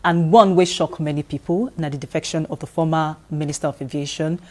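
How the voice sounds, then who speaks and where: A woman's voice: deep voice, steady tone, a little fast, darkish tone. A woman with a Nigerian accent, asking an interview guest questions with some hesitant fillers.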